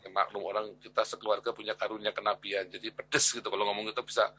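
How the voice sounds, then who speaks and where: A middle-aged man leads a church discipleship class in a relaxed, talkative way. His voice is bright and forceful. He keeps repeating key phrases and checks in with his listeners. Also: on the low side, quick pace, husky. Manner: chatty, repeats phrases, tags lines with "ya" and "kan". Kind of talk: informal class teaching on the Bible.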